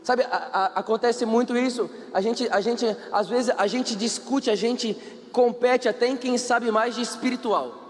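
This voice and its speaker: Brazilian male preacher, high voice, animated delivery, reverberant hall with faint noise. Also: a little slow. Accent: Brazilian Portuguese. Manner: animated, acts out quoted characters, asks the audience questions. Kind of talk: sermon.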